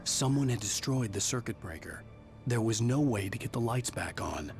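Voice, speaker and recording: An actor playing a troubled male hero, narrating his own thriller in a video game with a serious, terse, measured delivery. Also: lowish voice, animated, loud music behind the voice. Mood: brooding. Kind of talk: scripted first-person game narration.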